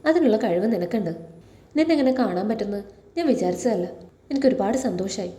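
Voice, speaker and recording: A woman's voice: medium pitch, expressive, brisk, warm tone, roomy sound, close to an everyday voice. A woman reading the lines of an elderly grandmother, affectionate and full of regret, in a serial recap. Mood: gentle. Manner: affectionate, tearful pleading. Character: elderly grandmother, tender and guilt-ridden.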